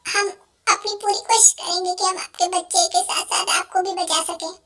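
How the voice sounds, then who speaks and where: Formal, firm doctor, a woman dubbing, very high and flat delivery. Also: moderate pace. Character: calm professional female doctor. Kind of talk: Hindi fan dub.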